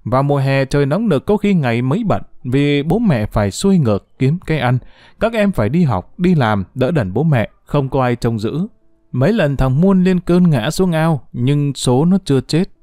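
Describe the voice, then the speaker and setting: Guy reading a story out loud, pitch all over the place, mellow dry sound. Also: normal speed, no echo, soft background music. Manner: expressive reading with lively pitch, voicing quoted characters. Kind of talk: scripted narration of a short story.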